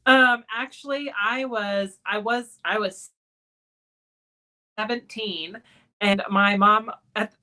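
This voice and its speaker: Guest, woman, late 40s, from Texas; bright, friendly, laughs easily. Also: mid-range voice, fairly even intonation, slow pace, pauses often. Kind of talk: interview answers.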